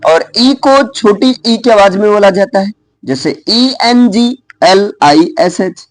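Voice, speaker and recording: A man with an Indian accent teaches English pronunciation in a lively classroom explanation, checking in with his class as he goes. He spells each word out slowly, letter by letter, and then says it. His voice sits high, and the recording is dry.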